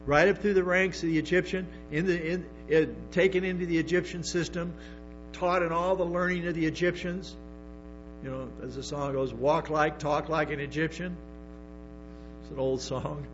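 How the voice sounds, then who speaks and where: A man with a voice on the high side keeps a steady tone and a moderate pace while preaching to his congregation as pastor. He stumbles through restarts and adds emphatic asides, heard via a dull lo-fi sermon recording with music and hum.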